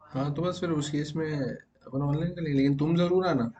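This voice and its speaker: A man with a somewhat high, dark voice speaks at a moderate pace on a lo-fi recording with a little hiss or hum. He's teaching a programming class to students in the room, walking through the code step by step and often checking whether everyone has understood.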